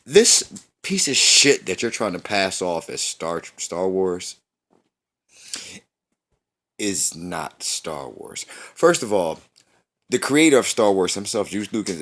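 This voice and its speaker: A man in his thirties delivers a heated, casual rant, full of slang and profanity. His voice sits a little low but swings widely in pitch as he repeats his points for emphasis. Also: fairly bright tone. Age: 30s. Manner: angry, profane, repeats himself; slangy street talk. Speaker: movie reviewer. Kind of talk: ranting casual review.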